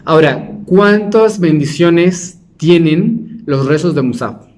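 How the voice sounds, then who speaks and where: A man's voice: fairly high pitch, lively intonation, slow, darkish tone. A man giving an informal Torah class, talking conversationally and putting questions to his listeners. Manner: conversational, asks the class questions, many restarts. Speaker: Torah teacher.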